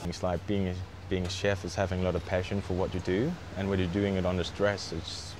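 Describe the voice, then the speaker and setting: Man, kitchen worker, deep voice, informal interview, noisy ambience. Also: flat delivery, fairly quick.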